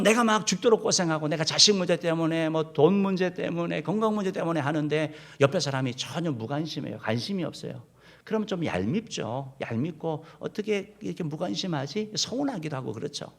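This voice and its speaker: A male pastor delivers a sermon in a church sanctuary, speaking straight to his congregation. His voice sits a little high for a man and carries a gravelly edge. He leads the room through scripture readings as he goes. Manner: addresses the congregation directly, leading them in reading. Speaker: senior pastor.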